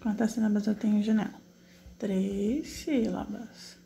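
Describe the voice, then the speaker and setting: Woman teacher, gravelly voice, patient step-by-step explaining, faint background noise. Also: mid-range voice, steady tone, mellow. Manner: patient, step-by-step, asks and answers her own questions; slow, drawn-out syllable spelling while typing. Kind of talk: online class correcting exercises.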